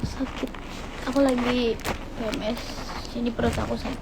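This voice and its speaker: A woman's voice: a little high, flat delivery, normal speed. A young adult woman chatting casually with viewers and family in a home vlog. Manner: chatty, greets viewers brightly. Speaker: vlogger. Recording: noisy home video recording.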